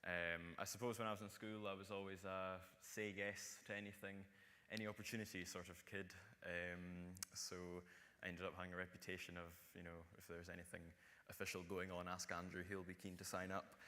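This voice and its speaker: A young man of nineteen with a Hebridean Scottish accent talks about himself on a panel. His voice is low and fairly level in melody, with a forward, bright edge, ringing in a large hall. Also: little pitch movement, brisk, slight background noise. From Outer Hebrides, Scotland. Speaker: youth panellist, geography student. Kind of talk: unscripted personal account to an audience. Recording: echoey hall with long reverb.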